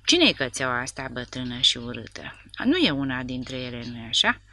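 A woman's voice: very deep voice, very animated, pushed and bright, exaggerated voice. A woman voicing a drunk, crude male soldier who talks in a thick, demanding voice, read from a novel. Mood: drunk, belligerent.

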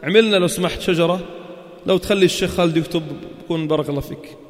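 A man with a Levantine Arabic accent teaching a class on Quran recitation rules, chanting verses slowly and then explaining briskly with questions to his students. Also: high voice, fairly even intonation. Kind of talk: religious lesson to a class. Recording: long hall reverb.

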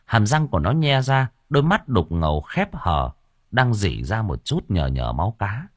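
Lively male storyteller. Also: lowish voice, normal speed, no room sound, studio quality. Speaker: narrator. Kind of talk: audiobook narration of a horror story.

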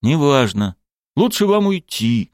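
An exasperated man who tries to take charge of the group, firm and slow, with his voice rising when he is pushed, as a male narrator voices him. The recording is close and dry. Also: medium pitch, very animated, darkish tone, no echo, voice pushed up. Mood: calming. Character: man trying to keep control, exasperated.

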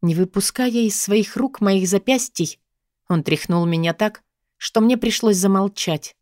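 A woman's voice: mid-range voice, measured pace, a little mellow, no echo, clean studio sound. Woman reading a tense romance novel. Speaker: audiobook narrator. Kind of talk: scripted first-person narration of a romance novel.

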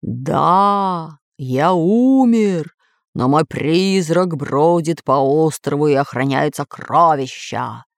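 Slow menacing ghostly pirate, male, lively pitch, as a woman puts him on. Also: creaky, no room sound, clean studio sound, heavily acted. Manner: slow, drawn-out, threatening.

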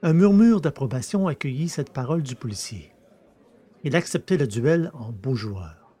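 A man narrating a classic detective novel as an audiobook, in a measured storytelling manner. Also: mid-range voice, lively intonation, warm tone, husky.

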